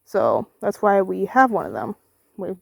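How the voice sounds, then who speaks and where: A woman's voice: mid-range voice, sing-song, a little slow, creaky, a little hiss or hum. A young woman giving casual, argumentative commentary in reply to online comments, counting off her points indignantly. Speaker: vlogger with a service dog.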